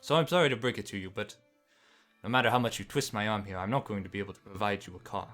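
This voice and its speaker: Weary forties garage boss, brisk and blunt, voiced by a man in a tabletop game. Slightly low, bright voice. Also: soft background music, natural voice. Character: jaded male garage owner, early forties. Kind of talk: tabletop role-play.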